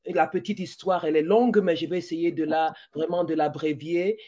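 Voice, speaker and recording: In a relaxed podcast interview, a woman in her forties from Cameroon speaks in a low, steady, warm voice at normal speed. She frequently starts her sentences over and drops English words into her French.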